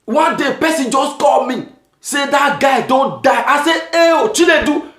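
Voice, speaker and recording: A man from Nigeria with a Nigerian Pidgin accent, doing a comic monologue, shouting his punchlines and laughing at his own jokes. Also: extremely high pitch, expressive, unhurried. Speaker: stand-up comedian. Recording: echoey room with music behind.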